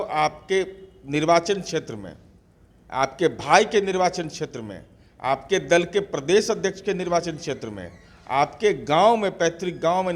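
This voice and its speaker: Forceful man firing rhetorical questions. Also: on the high side. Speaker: party spokesperson. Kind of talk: combative political interview answers.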